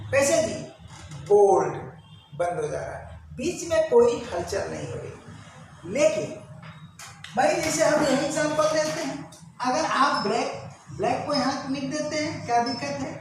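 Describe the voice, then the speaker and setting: A woman teaching an English grammar lesson, drilling pronunciation with repeated quiz questions to her students. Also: high-pitched. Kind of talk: classroom-style grammar lesson. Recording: very echoey room, faint background noise.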